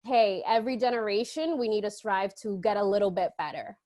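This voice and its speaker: A woman from the Dominican Republic, an entrepreneur appearing as a podcast guest, chats casually and tells stories, quoting people along the way. Her voice is medium in pitch with a dark tone, and she talks a little fast.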